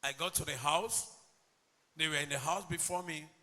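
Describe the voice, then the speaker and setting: A male pastor preaching a sermon emphatically, swinging between loud declarations and low asides. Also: steady tone, normal speed, in a large hall.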